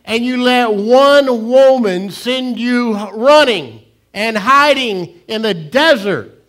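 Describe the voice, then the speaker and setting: An older man preaching, acting out God as a stern, exasperated figure who scolds a prophet in a loud, high, shouted voice. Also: slow, heavily acted. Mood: scolding.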